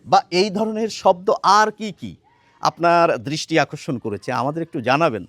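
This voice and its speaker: A man teaching standard pronunciation in a measured explanatory lesson, often pausing with "ah" and asking viewers questions. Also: on the high side, a bit bright, dry recording. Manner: measured, addresses viewers directly with questions, frequent "ah" fillers.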